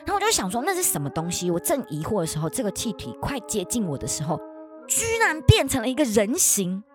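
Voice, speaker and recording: A young woman with a Taiwanese Mandarin accent, hosting a podcast and telling ghost stories casually from her bedroom, with dramatic jumps into high, excited exclamations. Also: fast talker, music in the background. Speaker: podcast host. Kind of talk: casual storytelling.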